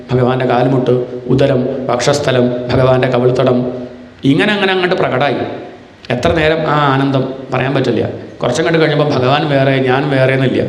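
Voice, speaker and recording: A man giving a devotional scripture discourse, telling the story in first person and slowly chanting verses. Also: medium pitch. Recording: reverberant hall.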